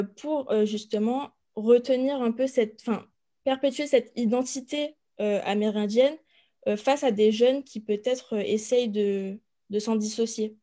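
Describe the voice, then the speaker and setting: A woman's voice: fairly high pitch, warm tone. A young woman student from French Guiana asking a long, hesitant question in an online panel. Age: young adult. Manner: hesitant, many fillers.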